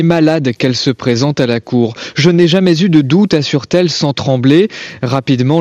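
A man delivering a live report from a courthouse as a radio court reporter, in a crisp, narrative manner. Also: medium pitch, darkish tone, no echo.

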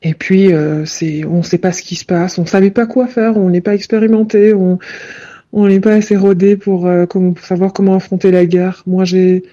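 A shaken woman in her forties from Iran giving halting, indignant eyewitness testimony, her voice disguised by a voice changer. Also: lowish voice, steady tone, dark tone, highs cut off. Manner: hesitant, many pauses and fillers, indignant. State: shaken, breathless. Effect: voice altered by a voice changer. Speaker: witness, Tehran resident.

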